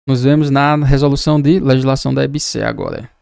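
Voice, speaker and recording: A man's voice: mid-range voice, fairly even intonation, brisk, creaky, a little mellow, clear, resonant tone, no echo, studio quality. A man from Brazil teaching an exam-prep lesson, patiently repeating and breaking down words as he explains quiz answers. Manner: patient, repeats and spells out words, casual asides.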